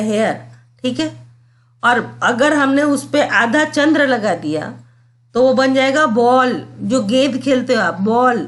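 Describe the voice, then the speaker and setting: A woman teaching a grammar lesson to schoolchildren, sounding out letters slowly and checking that the class follows. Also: a little high, a bit bright. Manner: slow and explanatory, checks understanding with "clear?" and "theek hai".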